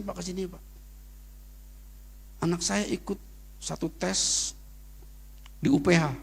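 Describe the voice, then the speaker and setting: A middle-aged man preaching a sermon as pastor, telling personal stories in casual slang and rising to sudden loud peaks. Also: fairly high pitch, creaky, breathy edge. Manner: casual Jakarta slang in anecdotes.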